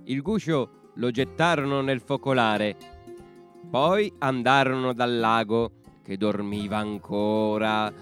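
A man narrating a traditional fairy tale for a bedtime podcast in an expressive storytelling manner. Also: medium pitch.

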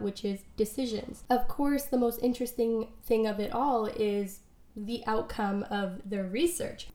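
Her voice fairly high and mellow, a life coach delivers a solo podcast talk, earnestly explaining ideas and sharing quotes and examples. She is recovering from having lost her voice, so it sounds a little worn, and the room is echoey.

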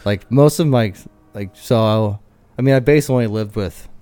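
Low mellow-voiced guy in his 30s, just chatting, rambly and loose. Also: fairly quick, dry recording. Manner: rambling, filler-heavy, candid. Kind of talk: casual chat.

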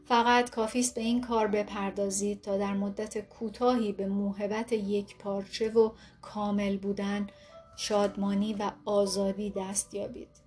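A woman narrating a self-help book in a calm, steady reading voice. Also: medium pitch, faint music behind. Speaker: audiobook narrator.

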